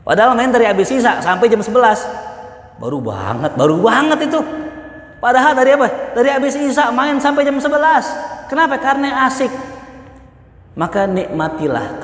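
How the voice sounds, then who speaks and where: A male preacher gives a humorous sermon to a live audience, joking and asking rhetorical questions. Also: sits high. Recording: echoey hall, faint noise.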